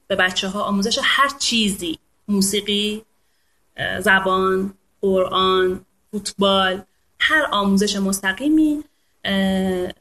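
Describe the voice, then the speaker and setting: A chatty woman talks casually to an online audience during a live session. She is playful and lively, and now and then breaks into animal sounds. Her pitch sits in the middle range for a woman. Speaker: host of a live talk on reading to babies.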